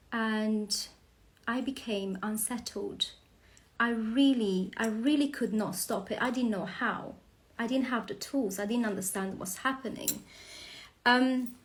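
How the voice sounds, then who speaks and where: A woman in her forties from Romania hosts her first live stream, speaking slowly and hesitantly with many fillers. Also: medium pitch. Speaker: host.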